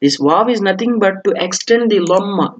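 A man teaches Arabic grammar at a slow, unhurried pace. He explains each point step by step, pausing on fillers and correcting himself as he writes on screen. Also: high voice, lo-fi sound. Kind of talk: lesson mixing two languages.

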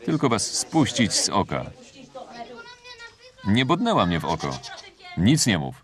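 Deep-voiced man reading a film voice-over. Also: wildly swooping pitch, unhurried, a bit bright. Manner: reads every character's lines in one voice. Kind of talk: single-voice film voice-over reading all dialogue. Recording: voice-over over film soundtrack with crowd noise.

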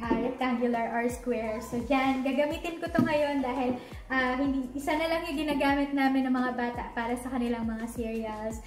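A woman in her thirties chatting casually at home while showing how she organizes her kitchen, slipping English words into her talk with plenty of fillers. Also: high-pitched. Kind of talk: casual home vlog narration. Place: home dining area, indoors.

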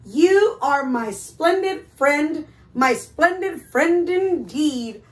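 A woman voicing a chatty, pesky but friendly male goose in a picture book, in a bright sing-song voice. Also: high-pitched, expressive, extremely slow, voice pushed up, full character voice. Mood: sweet.

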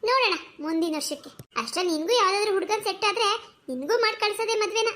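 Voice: very high-pitched, fast talker, a bit bright, a little hiss or hum. A voice actor playing a chatty, fussy mother giving festival instructions to her daughter in a cartoon. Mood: teasing.

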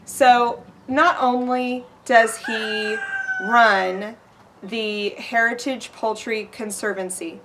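A small farm owner and vlogger with a medium-pitched voice talks earnestly to the camera in a casual farm vlog. She's recorded outdoors on a porch, with noise in the background.

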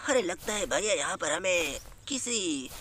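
A man's voice: high voice, expressive, a little slow, sharp tone, slight background noise, full character voice. A man voicing a timid, whiny young cartoon sidekick who pleads and frightens easily, acting over gameplay. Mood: scared. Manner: pleading, frightened, calls everyone "bhaiya".

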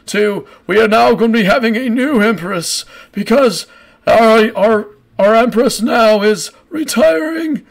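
A frail, pompous old announcer, as a game master puts him on. His voice rides high and quavering, loud and drawn out, with slow ceremonial pacing. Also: gravelly.

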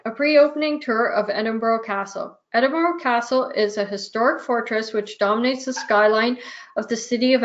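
A woman, a little hoarse, presenting travel tours and reading through itineraries and prices in a steady, listing way. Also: on the high side. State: hoarse, losing her voice. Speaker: travel club tour presenter. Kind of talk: presenting tour details. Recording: muffled lo-fi recording.

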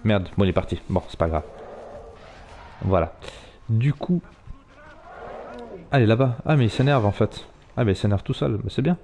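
A man's voice: lowish voice, lively intonation, normal speed, pauses often, a little mellow, slight background noise. A man streaming a live game, chatting loosely, cursing and talking to the animals he rides. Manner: chatty, swearing, talks to his animals. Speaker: let's play streamer. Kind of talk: live gameplay commentary.

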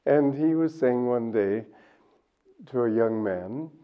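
An older man speaking as a spiritual teacher, unhurried and musing, with frequent "you know"s. His voice sits at an ordinary male pitch. The sound is thin and tinny, narrowed almost to a phone line. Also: lively intonation. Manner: gentle, musing, often says "you know". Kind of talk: reflective spiritual talk to camera. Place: indoor studio set. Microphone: microphone on a stand in front.

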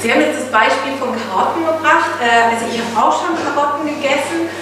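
A woman's voice: high-pitched, fairly quick. A woman from Bavaria in the audience, asking a question in a chatty, anecdotal way. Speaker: audience member. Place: large gallery hall. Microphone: far from the mic. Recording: distant, echoey hall with crowd.

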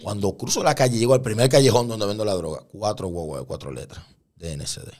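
A man as an interview guest, telling a story in animated conversational style with street slang and English words mixed in, checking often that the listener follows. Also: lowish voice, quick pace.

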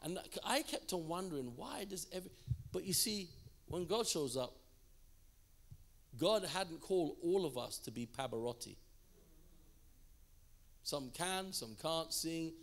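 Lively, gravelly-voiced man preaching. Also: fairly high pitch, measured pace, pauses often. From England. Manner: animated, laughing storyteller acting out his own thoughts. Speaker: pastor. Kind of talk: storytelling sermon. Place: church hall.

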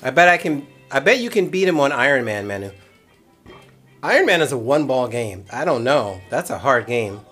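Tipsy brooklyn guy streaming pinball, jokey and loud, voice bouncing all over, game music faint behind him. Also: medium pitch, sing-song, normal speed, husky. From Brooklyn, New York. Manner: joking, laughs often, shouts out viewers. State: a little tipsy from cider. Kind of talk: casual live-stream commentary.

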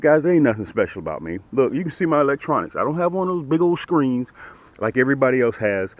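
A fishing channel host films a casual vlog from a small boat on a lake in early morning rain, excitable and repetitive, often dropping to a hush as he addresses viewers directly. His mid-range voice has no room sound. Captured on a boat-mounted action camera, the audio is dull and lo-fi with faint outdoor noise.

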